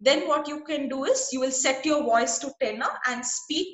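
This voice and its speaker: A woman's voice: sits high, normal speed, echoey room. A woman teaching a class online over a video call. She is patient and checks in often with her students.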